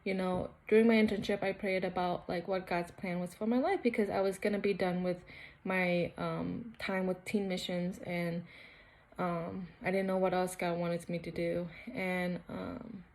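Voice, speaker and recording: Low-voiced young woman with a gravelly edge. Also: flat delivery, normal speed, darkish tone. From Cambodia. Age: young adult. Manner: earnest and rambling, many fillers and restarts. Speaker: vlogger sharing her faith story. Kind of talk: casual personal testimony.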